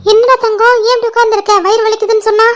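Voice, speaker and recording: A flustered, fussing middle-aged mother, put on by a woman who frets aloud and exclaims. Her voice is very high and flat in tune, cartoon style. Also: very fast. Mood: fretful. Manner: fretful, exclaiming. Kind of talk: cartoon voice acting.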